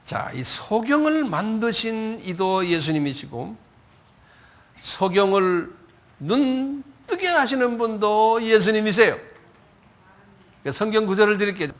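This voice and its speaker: A man's voice: high voice, big pitch swings, slow. A man preaching a Sunday sermon, speaking conversationally. He repeats and corrects himself often and raises his voice when acting out quoted pleas. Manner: frequent repetitions and self-corrections. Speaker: pastor.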